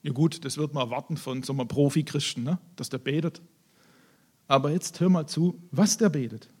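Husky animated preacher with touch. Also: male voice, on the high side, brisk. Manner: animated storytelling, acting out scenes in voices. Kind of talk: sermon.

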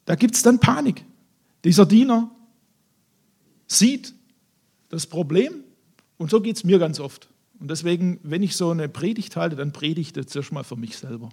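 Husky animated preacher with touch. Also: male voice, fairly high pitch, moderate pace, pauses often. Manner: animated storytelling, acting out scenes in voices. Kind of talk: sermon.

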